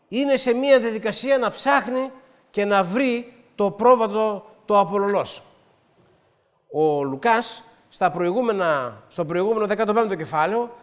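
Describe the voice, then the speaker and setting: A man's voice: high voice, long reverb tail. A man preaching a sermon, opening with a prayer and then explaining scripture step by step in an earnest way.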